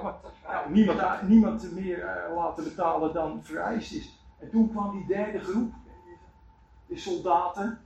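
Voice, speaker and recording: A man preaching a sermon, telling Bible stories with lively acted quotes. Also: high voice, gravelly, slight background noise. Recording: echoey room, voice from far off.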